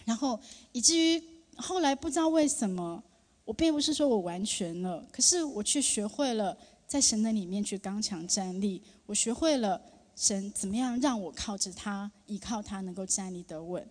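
A woman in her thirties giving a personal testimony to a church congregation, speaking earnestly with emotion and halting often with fillers. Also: medium pitch, animated, darkish tone. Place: church sanctuary. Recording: long reverb of a large hall.

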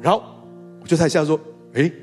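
A man's voice: high-pitched, very animated, quick pace, faint music behind. A male pastor telling a story in a sermon to his congregation, acting out quotes and laughing along with them. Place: church hall with congregation.

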